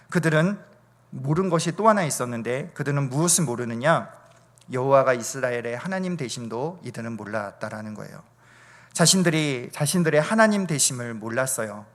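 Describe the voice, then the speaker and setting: A middle-aged male pastor preaching in a church, with a slightly high voice. He swings from loud, fervent peaks to quiet, low asides and drives his points home with repeated rhetorical questions. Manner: repetitive rhetorical questions and refrains. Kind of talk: sermon. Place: church sanctuary.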